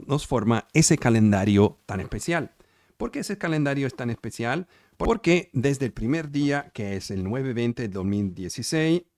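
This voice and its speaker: Speaking Spanish with an Italian accent, a preacher from Italy delivers a sermon over video call in a medium-pitched, slightly mellow voice. He is emphatic and repetitive, often checking that listeners are following. The sound is clean studio quality with no room sound.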